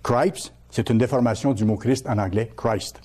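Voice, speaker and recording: Delivering a teaching sermon, this male pastor speaks at normal speed in an ordinary-pitched voice that is warm, mellow and husky. He repeats key words and keeps asking his listeners questions.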